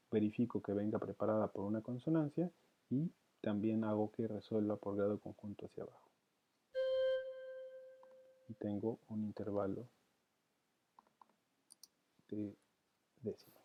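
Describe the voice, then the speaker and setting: Male music teacher, fairly low voice, hesitant think-aloud delivery, muffled lo-fi recording. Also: steady tone, unhurried, pauses often. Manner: thinks aloud with many fillers and restarts. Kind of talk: counterpoint lesson, thinking aloud. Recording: dull lo-fi sound.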